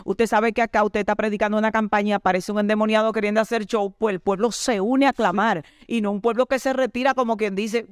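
A woman's voice: mid-range voice, clean tone, no room sound, studio quality. A woman pastor, telling her own testimony in an interview and acting out the dialogue as she goes. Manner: animated storyteller acting out dialogue.

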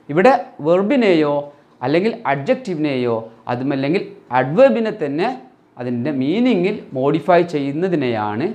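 A man teaching English grammar, asking questions and then answering them himself, and reading English example sentences out slowly. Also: mid-range voice, darkish tone. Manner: mixes English words into his explanations. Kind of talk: explaining grammar in a recorded lesson.

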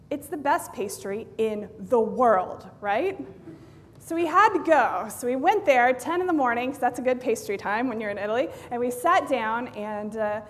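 A woman in her thirties, a pastor, preaching a sermon with lively storytelling and acted-out quotes. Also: high voice. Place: large church sanctuary, indoors. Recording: long church reverb.

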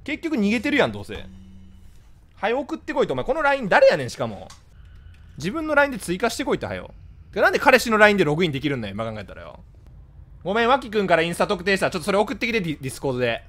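A man with a Kansai accent chatting casually with his live-stream viewers, blunt and scolding in rapid-fire retorts. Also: high-pitched, huge pitch swings, a bit bright. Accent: Kansai Japanese.

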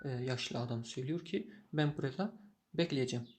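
A man teaching English who reads a short story and translates it line by line, pausing often with filler sounds. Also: mid-range voice, a little mellow. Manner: halting, many filler sounds.

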